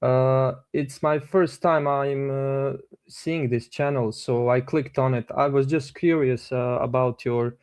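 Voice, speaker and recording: A man in his twenties with a Bosnian accent calls in to a debate stream. He talks politely and hesitantly, with many fillers, in a mid-pitched voice. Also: fairly even intonation, takes it slowly, darkish tone, clear, resonant tone. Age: 20s. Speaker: caller. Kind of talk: debate call-in.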